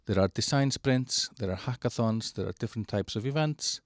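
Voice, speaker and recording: A man giving a halting walkthrough of an online platform, with many fillers and restarts. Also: medium pitch, dry recording, clean studio sound. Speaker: presenter of a digital platform. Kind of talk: screen-share product walkthrough.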